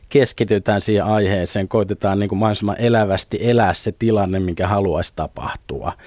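A middle-aged man, a lucid dreaming instructor, explaining things in a relaxed way on a radio talk show and chuckling now and then. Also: fairly low pitch, no room sound. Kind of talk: radio studio conversation. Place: radio studio.

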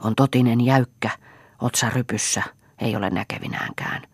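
Man reading an audiobook, husky voice, dry close mic, dramatic pacing. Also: mid-range voice, fairly even intonation, no room sound. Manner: measured, dramatic storytelling, soft unvoiced asides. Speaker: audiobook reader. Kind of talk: scripted narration.

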